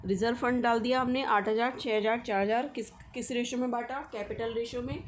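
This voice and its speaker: High-voiced woman teaching accounts. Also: fairly even intonation, a little fast, a little hiss or hum. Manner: explains step by step with frequent check-ins. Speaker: commerce teacher. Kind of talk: accounting lesson walkthrough.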